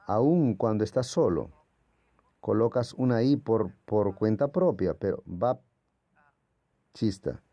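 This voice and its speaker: A man whose first language is Portuguese teaches Greek pronunciation at an unhurried, deliberate pace. His voice sits low and mellow, and it comes across dry and close with little room sound. He patiently sounds out each letter. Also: animated, dry recording. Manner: patient, explanatory, demonstrates sounds aloud. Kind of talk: classroom lecture.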